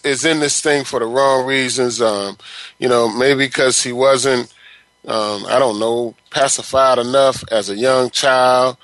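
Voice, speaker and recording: A man co-hosting a casual sports talk chat, halting and repeating words as he builds his opinions. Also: mid-range voice, a bit bright, dry recording, low-quality recording.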